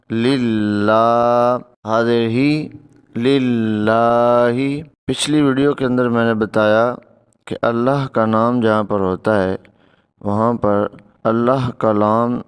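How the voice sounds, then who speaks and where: A man teaching recitation pronunciation, slowly drawing out each syllable and then explaining the rule in quicker speech. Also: on the low side, clear, resonant tone. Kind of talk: tajweed pronunciation lesson.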